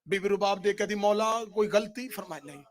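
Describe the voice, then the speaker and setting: A man's voice: sits high, crowd noise. A man, a religious orator, reciting a mourning sermon as mournful, dramatic storytelling and voicing the people in the story.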